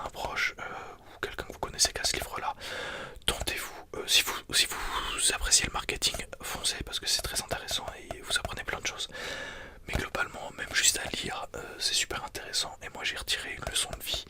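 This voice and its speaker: Hushed library whisper, fully unvoiced, casual ASMR book review, explanatory, close-miked. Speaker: ASMR video creator.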